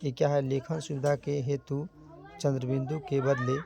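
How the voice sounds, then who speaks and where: A man teaching Hindi grammar, sounding out letters slowly and asking himself rhetorical questions to the viewer. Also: mid-range voice, little pitch movement, creaky, lo-fi sound, crowd noise. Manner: slow, careful sounding out of letters. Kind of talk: explaining grammar lesson.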